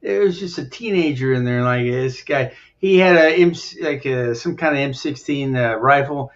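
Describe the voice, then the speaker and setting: A man's voice: medium pitch, moderate pace, lo-fi sound. A man from Texas calling in to a livestream, a bit tipsy after a few beers, talking casually and emphatically. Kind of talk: casual call-in chat.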